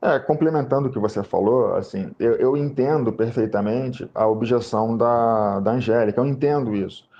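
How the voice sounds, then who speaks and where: A man's voice: mid-range voice, normal speed, few pauses, mellow, a little hiss or hum. A man hosting a live panel on sales, explaining through long car and phone comparisons and repeating his key points. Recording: dull lo-fi stream audio.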